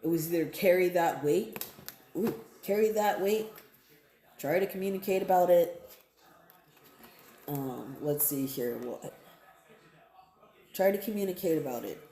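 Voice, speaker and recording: Speaking at a measured pace with frequent pauses, this tarot card reader has a mellow voice on the low side, and the sound is roomy. Her reading is casual and improvised; she addresses viewers directly, repeats phrases, and keeps checking in with "right?" and "okay?".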